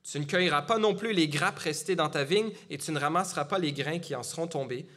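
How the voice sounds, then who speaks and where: A middle-aged man from Gatineau with a Quebec French accent preaches a sermon in church. His voice sits on the high side, brisk and a bit bright, and his delivery is conversational, full of fillers and restarts.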